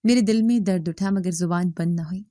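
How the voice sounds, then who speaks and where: A woman's voice: fairly low pitch, mellow, dry recording, clean studio sound. A woman narrating a scripted first-person story as an anxious mother, in an earnest storytelling manner.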